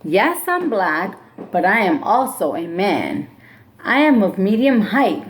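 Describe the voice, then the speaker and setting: With a mid-range voice, a woman teacher reads her class a picture book slowly and expressively, storybook-style, and afterward gives them instructions.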